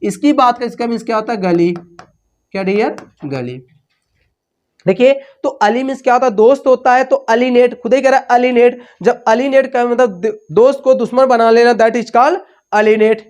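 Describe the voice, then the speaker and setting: A woman with a slightly high voice runs an exam-prep English vocabulary lesson. She drills each word by call and response, asking again and again and then answering herself. She moves freely between Hindi and English. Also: fairly even intonation, normal speed, a little mellow. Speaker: English teacher.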